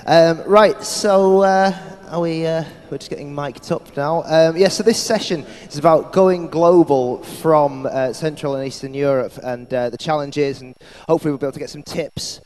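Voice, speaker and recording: List: man, panel moderator, higher voice, halting with fillers, echoey hall, faint noise. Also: a little mellow. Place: conference hall.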